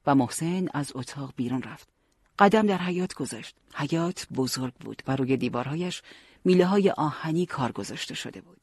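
A man narrating an audiobook story in a calm, steady way. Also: a little high, slightly rough, no echo.

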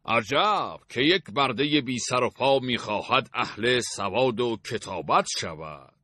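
A man's voice: mid-range voice, lively intonation, pushed and bright, no echo, clean studio sound. A man voicing a cruel, mocking caravan master in an audiobook, with a sneering, taunting delivery. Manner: sneering, taunting, laughs at others. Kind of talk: audiobook character voice.

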